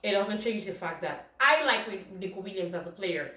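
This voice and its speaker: A woman's voice: mid-range voice, expressive, normal speed, pushed and bright. A woman vlogging about football in an upset, exasperated way, often repeating herself. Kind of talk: casual vlog commentary. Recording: echoey room heard from a distance.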